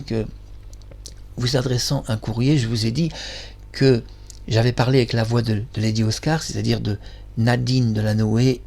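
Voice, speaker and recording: A man of middle pitch hosts his own channel in a loose, casual monologue. He rambles and praises himself effusively, his thoughts spilling from one to the next. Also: gravelly, darkish tone. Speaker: channel host.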